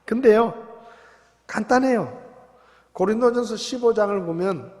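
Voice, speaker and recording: A male pastor preaching a sermon, shifting between quiet reflection and loud emphatic passages, recorded in a church sanctuary. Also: high-pitched, measured pace. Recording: long reverb of a church hall.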